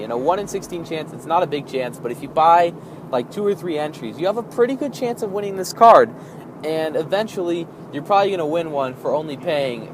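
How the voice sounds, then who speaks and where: A young man with a moderately high-pitched voice talks casually over gameplay. He rambles informally, restating his points as he goes. The recording has clearly audible background noise. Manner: rambling, informal, repeats and rephrases himself. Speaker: gaming video host.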